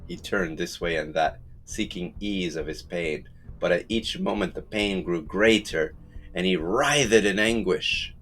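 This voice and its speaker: A man narrating a folktale audiobook in a measured storytelling manner. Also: sits low, a bit bright, faint music behind. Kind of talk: scripted narration.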